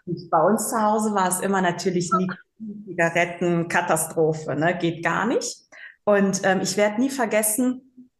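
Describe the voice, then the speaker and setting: A woman's voice: medium pitch, unhurried. A woman in her forties, a psychological counselor, telling stories in a casual interview with lots of fillers. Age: 40s. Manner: chatty storyteller, many fillers, laughs easily. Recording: roomy echo.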